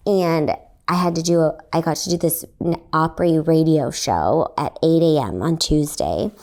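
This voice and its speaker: A young comedian from Texas rambles her way through a story on her solo podcast, with lots of fillers along the way. Her voice sits low, sounding creaky yet mellow.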